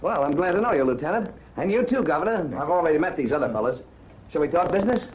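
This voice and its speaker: An actor playing a wisecracking Brooklyn gumshoe. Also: male voice, a little high, lively intonation, quick pace, a little mellow, natural voice, poor audio. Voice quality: breezy wisecracking drawl. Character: wisecracking Brooklyn ex-cop detective, breezy and sarcastic. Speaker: private investigator. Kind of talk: 1940s film acting. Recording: old film soundtrack with faint hiss.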